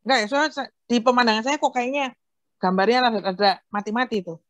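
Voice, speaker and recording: A young woman delivers a casual online sermon to a youth fellowship group over a video call. She tells the story with energy and acts out the dialogue, her voice on the high side and her pace fast. The recording is dry.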